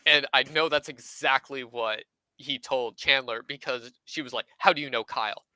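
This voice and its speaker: A man in his twenties, a podcast guest, telling an animated anecdote and acting out what others said. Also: mid-range voice, moderate pace, no echo, low-quality recording. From Southern California. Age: 20s. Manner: animated anecdote teller, acts out quoted voices. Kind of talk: casual storytelling chat.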